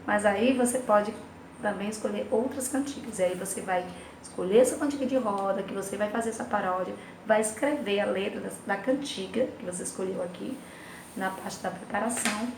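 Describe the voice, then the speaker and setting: A woman with a mid-range voice and a Brazilian Portuguese accent teaches a remote class, moving briskly through her lesson and singing snatches of nursery rhymes between explanations. The recording sounds roomy, with a noisy background.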